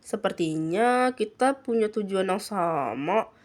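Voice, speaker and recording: A woman doing a calm, joking young guide. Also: medium pitch, measured pace, lightly acted. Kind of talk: storybook reading.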